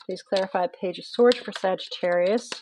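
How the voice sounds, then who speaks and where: A woman's voice: mid-range voice, moderate pace, darkish tone, a little hiss or hum, low-quality recording. A woman reading tarot cards aloud in a casual, chatty way, thinking aloud with many ums and restarts. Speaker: tarot reader.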